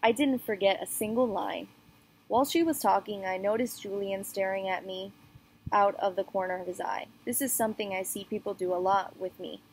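A woman reading a children's novel aloud in an even, unhurried first-person voice. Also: mid-range voice, slight background noise, low-quality recording. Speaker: audiobook reader.

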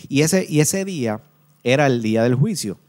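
A man's voice: mid-range voice, lively intonation, normal speed, darkish tone. A man, hosting a podcast and talking through a book review in an earnest, casual way, often repeating and restarting his words. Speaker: podcast host.

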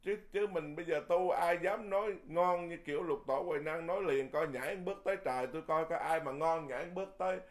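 A man who is a Buddhist monk, giving a Dharma sermon in a lively, folksy way, often repeating words and chuckling. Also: on the high side, brisk, hardly any pauses.

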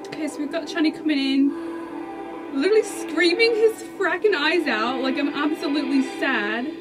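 A woman reacting to a music video in casual commentary, excitable and gushing, with sudden squeals and exclamations. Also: sits high, moderate pace. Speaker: reaction vlogger.

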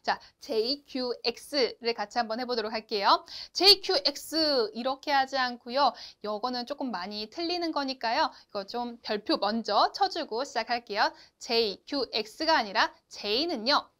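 A woman teaching a beginners' Chinese lesson, explaining clearly and asking the learners to repeat after her. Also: fairly high pitch, lively intonation, fairly bright tone. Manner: slow, clear instruction with drawn-out model syllables; addresses learners directly and asks them to repeat. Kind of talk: online lesson.

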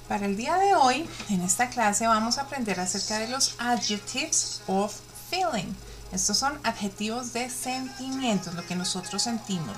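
Slow-drilling Colombian teacher woman. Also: fairly high pitch, low-quality recording. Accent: Colombian Spanish. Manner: slow, drawn-out pronunciation drills. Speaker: English teacher. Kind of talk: bilingual classroom lesson.

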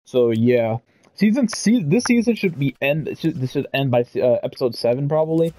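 A young man giving casual, chatty commentary over his football video game, bursting into excited shouts at goals. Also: medium pitch, moderate pace, no room sound, poor audio. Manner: excitable, shouts goal celebrations, chatty slang. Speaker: gaming YouTuber.

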